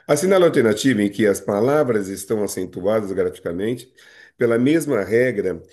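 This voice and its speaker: A man's voice: on the low side, mellow. A male teacher with a Brazilian Portuguese accent, giving a recorded video lesson on grammar. He explains patiently and keeps checking in with the class. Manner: explains patiently with frequent "né?" and "não é isso?" checks; hesitant restarts and fillers.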